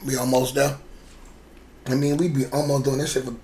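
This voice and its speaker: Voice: medium pitch, little pitch movement, a little fast, dark tone, slight background noise. A podcast co-host in casual chat who swears freely, talks in slang and repeats words while thinking.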